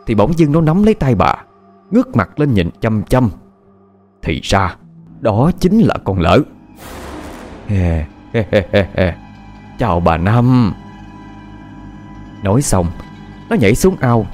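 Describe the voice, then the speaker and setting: A man with a Southern Vietnamese accent narrating a horror tale, expressive and dramatic. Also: fairly low pitch.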